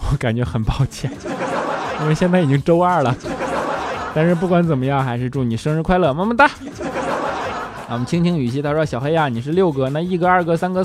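A male show host reading listener comments aloud and teasing them with jokes, laughing often in a playful manner. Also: mid-range voice. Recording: music bed under the voice.

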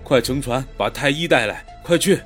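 An actor playing a brisk young emperor in an audio drama, giving short, urgent orders. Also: male voice, on the low side, faint music behind, natural voice. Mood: commanding.

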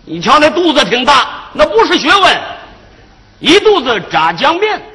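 Brief: male comic, teasing, animated, high and bright. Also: normal speed, slight background noise. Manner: teasing, mock lecturing. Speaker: crosstalk comedian. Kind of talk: comic stage dialogue.

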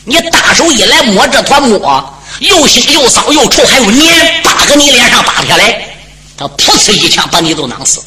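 A man performing traditional storytelling, dramatic and animated, speaking directly to his listeners. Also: very high voice, moderate pace, noisy background.

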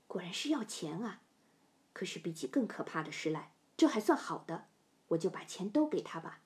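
A middle-aged woman telling a first-person story, sinking to hushed whispers in tense parts. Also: fairly low pitch, sing-song, normal speed. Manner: dropping to hushed whispers in suspense.

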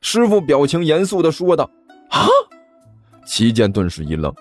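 A male storyteller with a fairly high voice reads with a lively, expressive delivery. His pitch moves a great deal from phrase to phrase. Faint music plays behind him. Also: fairly quick. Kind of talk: storytelling narration.

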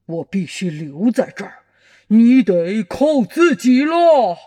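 A woman's voice: a little high, sing-song, slow, warm tone, voice pushed down, full character voice. A woman voicing a big, bossy, growling male monster who lives under a child's bed, in a storybook reading. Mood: gruff.

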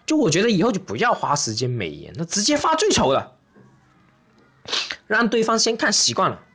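A man's voice: high voice, brisk, breathy edge. A man hosting and performing an open-mic stand-up monologue, ranting in an exaggerated way and acting out little scenes. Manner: animated, exaggerated, rants and acts out scenes. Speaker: stand-up comedian and host.

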